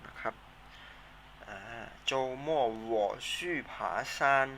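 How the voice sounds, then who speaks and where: Male teacher w thai accent, gravelly bright voice, slow patient repeating, faint room hum. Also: medium pitch. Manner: patient, repeats words for students to echo. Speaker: Chinese teacher. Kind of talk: classroom lesson explaining vocabulary.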